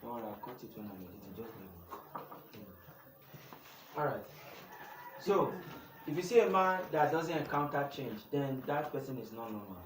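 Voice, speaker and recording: A man's voice: medium pitch, expressive, normal speed, pauses often. A young man with a Nigerian English accent, teaching a youth class and often asking the room to finish his sentences. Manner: call-and-response questioning. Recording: echoey room from far off, noisy.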